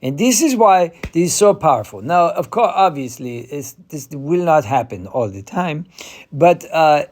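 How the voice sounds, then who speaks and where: A man playing a confident chess player with an Eastern European accent, explaining a game in a deliberate, hesitant way. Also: fairly high pitch, big pitch swings, a little mellow. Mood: assured. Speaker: chess player giving a tutorial.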